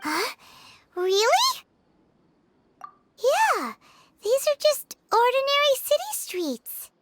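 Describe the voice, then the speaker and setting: Squeaky, very high little fairy girl. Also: huge pitch swings, takes it slowly, noisy background, full character voice. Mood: puzzled. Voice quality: squeaky, childlike. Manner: exclaiming, speaks of self in third person. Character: tiny excitable floating fairy companion, childlike girl. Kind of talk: video game voice acting.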